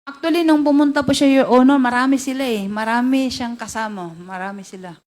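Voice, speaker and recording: A woman giving formal testimony as a witness in a hearing room, halting and polite, with many fillers. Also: sits high, fairly even intonation, darkish tone.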